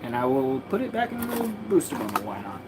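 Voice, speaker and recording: A woman with a rumbling low, sing-song voice chats fairly quickly during a livestream of trading card pack openings. She rambles, slings slang, and swears freely from a room at home with a mattress propped on the wall. Faint party noise drifts over from next door.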